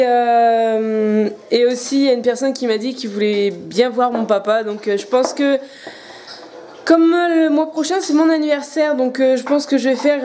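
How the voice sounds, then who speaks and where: Young female vlogger, slightly high voice, rambling and hesitant, casual home footage on a handheld camera with faint background noise. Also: darkish tone. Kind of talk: casual vlog chat. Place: at home indoors.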